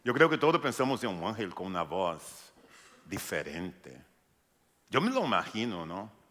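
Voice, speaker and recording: Lively pastor preaching in a hall. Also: male voice, lowish voice, a little slow. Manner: lively, jokes, acts out voices. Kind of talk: sermon. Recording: reverberant church hall.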